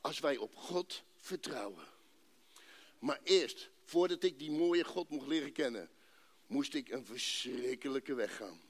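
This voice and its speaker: A man from Rotterdam giving an emotional personal faith testimony to a congregation, telling his story dramatically and emphatically, with drawn-out pauses. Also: medium pitch, expressive. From Netherlands, Rotterdam.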